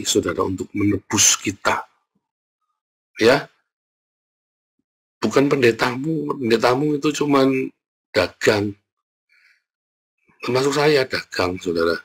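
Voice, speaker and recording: A male pastor preaching a sermon in a blunt, mocking, jokey way, acting out quick asides and rhetorical questions. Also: on the low side, fairly bright tone, husky.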